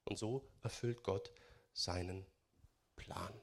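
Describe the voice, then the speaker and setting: A man giving a sermon in German, chatty and conversational, often adding "ne?" and swinging between loud stressed phrases and quiet musing. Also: deep voice, fairly even intonation, takes it slowly. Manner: conversational, keeps adding "ne?" tags. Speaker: preacher.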